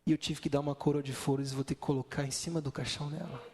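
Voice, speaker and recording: A man preaching a sermon who tells lively stories and acts out the voices of the people in them. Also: a little high, fast talker, slight background noise. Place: church hall. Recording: long reverb of a large hall.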